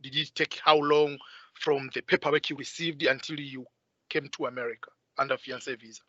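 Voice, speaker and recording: Bright-voiced man hosting a video interview. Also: medium pitch, fairly even intonation, fairly quick, dry recording, highs cut off. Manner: hesitant, frequent "uh" fillers. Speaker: host. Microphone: video call.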